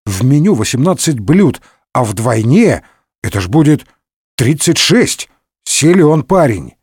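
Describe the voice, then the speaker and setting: A man voicing a chatty male tavern patron marveling aloud, a little higher than his own voice. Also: big pitch swings, measured pace, darkish tone, husky, no room sound, studio quality. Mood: impressed.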